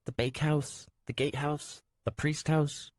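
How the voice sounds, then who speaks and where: A man's voice: fairly high pitch, fairly even intonation, normal speed, no room sound, studio quality, pitched above the performer's own voice, lightly acted. A man voicing a shy, moody young woman who sometimes breaks into song, speaking timidly in an audiobook. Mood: glum. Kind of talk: audiobook character voice.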